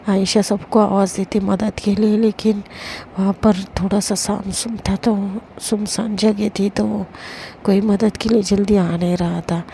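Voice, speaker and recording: A woman's voice: medium pitch, warm tone, slight background noise. A woman narrating a love story in a casual, conversational way, quoting the characters' lines in her own voice. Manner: retells dialogue plainly without voicing characters.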